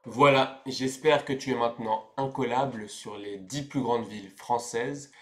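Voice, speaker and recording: A man in his twenties with a Parisian accent, teaching French pronunciation slowly and clearly, repeating each word. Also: medium pitch, fairly even intonation. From France. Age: 20s. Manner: slow, clear pronunciation drills with repetition. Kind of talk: scripted language lesson.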